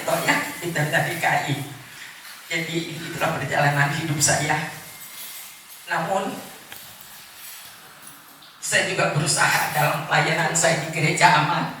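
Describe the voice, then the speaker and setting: A woman's voice: low voice, sharp tone. Earnest woman in her 70s, echoey hall. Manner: earnest, heartfelt, with short pauses. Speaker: church member giving testimony. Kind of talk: personal testimony at a church gathering. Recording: echoey hall, distant mic, background noise.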